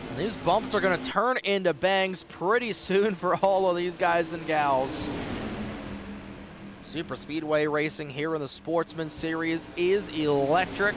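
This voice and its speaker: A man with a slightly raspy voice calls play-by-play for an online racing league, fast and excitable, his pitch jumping suddenly at close calls. Race car engines roar behind him.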